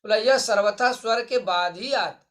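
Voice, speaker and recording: A man's voice: high-pitched, moderate pace, a bit bright. A male Sanskrit teacher speaking in an online lesson. He explains each point, asks the class a question and answers it himself, and calls his listeners friends. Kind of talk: online exam-prep lesson.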